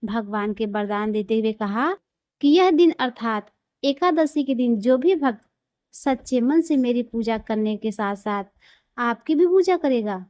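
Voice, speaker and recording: A woman narrating a devotional story in a calm, reverent, measured way. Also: fairly high pitch, no echo.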